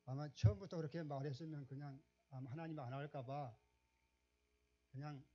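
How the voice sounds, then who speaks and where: A man preaching a sermon as a pastor, telling a story and rising to loud, emphatic exclamations. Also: a little high, normal speed, slightly rough. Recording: dull, muffled recording.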